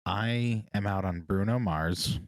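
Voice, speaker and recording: A man co-hosting a podcast, telling stories in a casual chat and getting animated when he quotes people. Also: on the low side, slow, dry recording. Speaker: podcast co-host.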